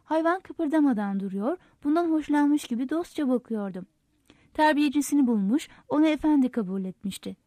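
A woman reads a novel aloud as the narrator, in a steady, measured way. Her voice sits fairly high but has a mellow, soft tone. The sound is close and dry. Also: no echo. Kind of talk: audiobook narration.

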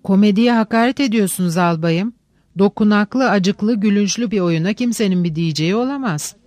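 Casting: reader doing an excitable, theatrical young man, eager talker, audiobook. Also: mid-range voice, normal speed, no room sound, lightly acted. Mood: protesting. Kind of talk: audiobook reading.

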